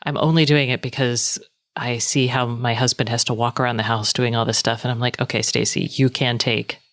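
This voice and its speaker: A woman's voice: a bass voice, level tone, fairly quick. A woman hosting a tech podcast, chatting casually and introducing guests and sponsors. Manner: chatty, self-deprecating, conversational. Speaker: podcast host. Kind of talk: casual chat and show hosting.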